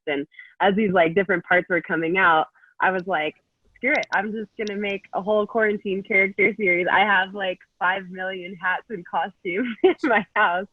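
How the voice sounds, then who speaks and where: A woman chatting lively on a video call as a panel guest, laughing easily. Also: on the low side, no echo. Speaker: panel guest, pro skier. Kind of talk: casual video-call chat. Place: indoors at home. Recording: tinny dry call audio.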